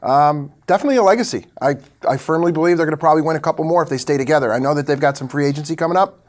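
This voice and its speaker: A man who once played pro football talks on a sports radio panel. He speaks quickly in a slightly raised voice and sounds upbeat and casual. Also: on the high side. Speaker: former football player guest.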